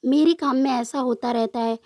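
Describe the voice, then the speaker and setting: A woman voicing a calm young male officer who soothes and gently teases in a storybook love tale. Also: high voice, normal speed, no echo, lightly acted. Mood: soothing. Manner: soft, reassuring, lightly joking. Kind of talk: storybook narration with voiced dialogue.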